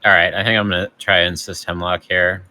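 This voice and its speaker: A man's voice: low-pitched, flat delivery, quick pace, pushed and bright, dry recording. A man playing a tabletop game, decisively declaring his character's actions. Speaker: player.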